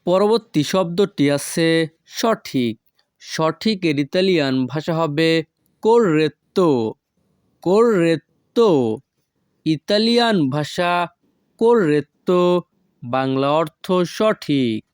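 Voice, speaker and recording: A man teaching vocabulary as a slow, patterned drill, repeating each foreign word carefully and drawing it out syllable by syllable. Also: on the high side, animated, smooth, dry recording, clean studio sound. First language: Bengali. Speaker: language teacher.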